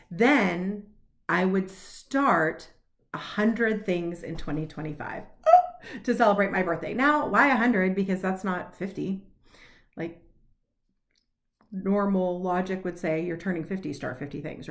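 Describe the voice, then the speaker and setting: A woman in her late forties chatting casually to camera about her cross stitch plans, upbeat and laughing at herself. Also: mid-range voice. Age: 40s.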